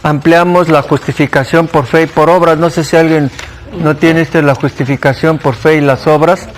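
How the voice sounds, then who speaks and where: A man's voice: on the high side, steady tone, moderate pace, a little hiss or hum. Mexican man teaching a Bible class. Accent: Mexican Spanish. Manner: conversational, asks the class questions, repeats for emphasis. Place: church classroom.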